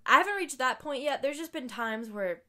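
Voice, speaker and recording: A young woman co-hosting a podcast, chatting casually and telling work stories, acting out what people said and trailing off softly at times. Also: sits high, animated, brisk. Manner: storytelling, acts out quotes, trails off softly. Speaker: podcast co-host. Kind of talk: casual chat.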